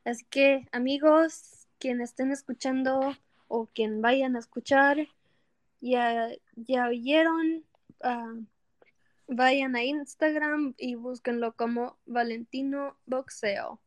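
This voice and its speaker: High-voiced, unhurried woman hosting in Spanglish. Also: steady tone, no room sound. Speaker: podcast host. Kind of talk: casual podcast chat in Spanglish.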